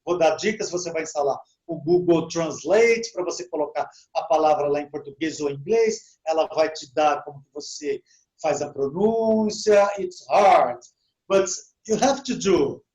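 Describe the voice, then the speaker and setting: A man teaching English to Portuguese speakers in a relaxed online talk, often adding "né?" and slowing down to model English words. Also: a little high, muffled recording.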